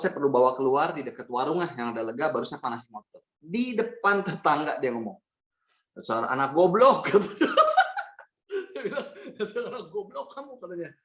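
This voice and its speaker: A man's voice: on the high side, a bit bright, reverberant. A young man giving a personal testimony talk, telling his story to an audience he calls his friends and acting out the dialogue. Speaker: motivational speaker.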